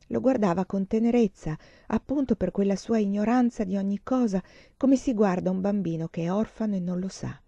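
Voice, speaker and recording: A woman reading a novel aloud as an audiobook reader, calm and measured. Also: medium pitch, creaky, no room sound, dull audio.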